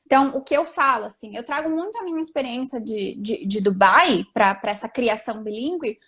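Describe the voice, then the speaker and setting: High-voiced woman hosting casually. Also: fairly quick. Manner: lively, casual, uses slang. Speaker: host. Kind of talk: casual interview chat.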